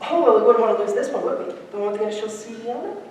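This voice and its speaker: A woman's voice: on the high side, expressive, rapid-fire, a little mellow, a little hiss or hum, lightly acted. A woman playing an anxious, hapless young boy in a stage musical, talking and singing nervously. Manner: nervous, self-doubting, sings between lines. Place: theater stage. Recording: echoey hall from far off, music.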